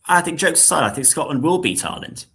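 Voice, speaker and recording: A young man co-hosting a casual sports podcast, animated and dramatic, mocking himself. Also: a little high, fast talker. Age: young adult. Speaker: podcast co-host.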